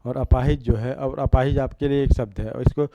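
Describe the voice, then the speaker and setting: A man's voice: medium pitch, steady tone, fairly quick, warm tone, lo-fi sound, a little hiss or hum. A man teaching an exam-prep grammar lesson, repeating each word and asking rhetorical questions as he writes.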